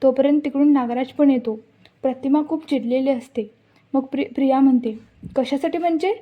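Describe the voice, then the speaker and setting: High-voiced woman recapping a serial. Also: fairly even intonation, fairly quick. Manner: unscripted, with frequent restarts. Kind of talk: casual episode recap. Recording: dull lo-fi recording.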